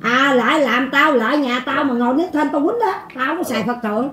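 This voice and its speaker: A woman's voice: sits high, fairly quick, a bit bright, echoey room, a little hiss or hum. An older woman with a Southern Vietnamese accent, giving a coarse, blunt, scolding monologue about faith to a group of listeners. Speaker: folk religious teacher.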